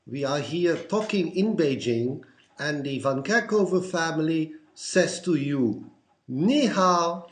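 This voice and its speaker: A man in his sixties with a Belgian accent, introducing himself to fellow club members in a measured way, listing things one by one with frequent filler sounds. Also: a little high, animated. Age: 60s.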